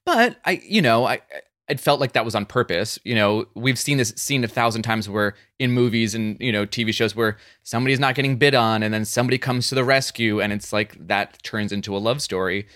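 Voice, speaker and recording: A middle-aged man co-hosting a podcast, talking in an animated, chatty way with lots of fillers. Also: mid-range voice, a little fast, no echo, studio quality. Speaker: podcast co-host. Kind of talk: casual chat.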